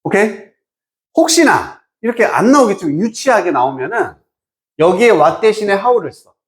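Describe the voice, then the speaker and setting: A male English teacher with a fairly high, very animated voice that swoops up and down. He lectures in a casual tone, drops English phrases into his explanation, and keeps firing quick check-in questions at his students. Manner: checks understanding with frequent quiz-like questions. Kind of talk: lecture explaining an exam passage.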